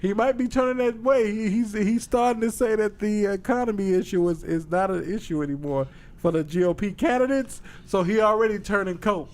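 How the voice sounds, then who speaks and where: A man's voice: high-pitched, a little fast. A man co-hosting a comedy podcast, trading crude, boastful jokes in casual banter. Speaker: podcast co-host.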